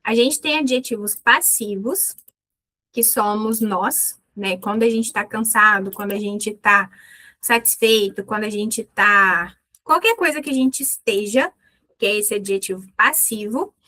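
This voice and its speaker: A Brazilian woman teaching an English lesson, explaining in a clear instructive way and repeating English words slowly for practice. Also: medium pitch, pushed and bright. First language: Portuguese.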